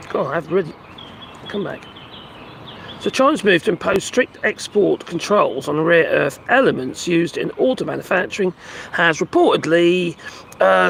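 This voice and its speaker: A male livestream host reads and comments on news from home, his voice hoarse and fading as he loses it, pitched slightly high, expressive, and a bit bright. He rambles haltingly with plenty of uhs, fillers, and restarts, and talks to his pets nearby between remarks. A little hiss or hum is audible.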